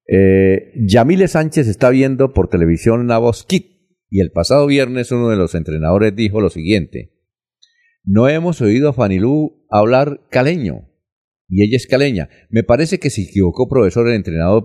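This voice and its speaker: A man hosting a radio call-in, briskly reading out listener questions and the time. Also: fairly low pitch, expressive, warm tone. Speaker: radio host.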